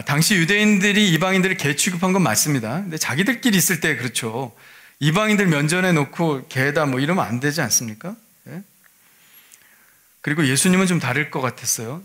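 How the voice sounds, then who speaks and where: A man's voice: a little high, fairly bright tone. A male pastor giving a sermon in a conversational way, often asking his listeners rhetorical questions.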